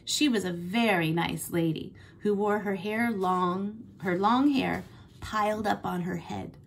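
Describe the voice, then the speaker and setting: A woman teacher reading a chapter book aloud to her class, with expressive storytelling. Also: mid-range voice, unhurried, a little hiss or hum.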